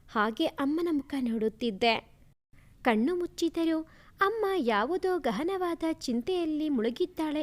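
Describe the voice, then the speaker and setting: A woman reading an emotional first-person family story aloud in a soft, feeling way. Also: high voice.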